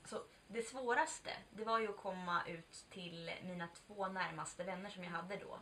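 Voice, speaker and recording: A woman in her 20s, vlogging, tells a candid personal story in a chatty confessional style, cursing now and again and playing out bits of dialogue. Her voice is on the low side, bright and forceful. Faint background noise accompanies the distant-mic recording.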